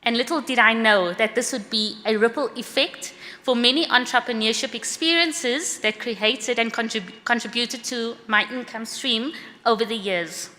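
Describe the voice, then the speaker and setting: Bright-voiced South African woman presenting. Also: on the high side. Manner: brisk, earnest, slightly read-out delivery. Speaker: course creator presenting at a conference. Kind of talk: prepared conference talk. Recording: long hall reverb.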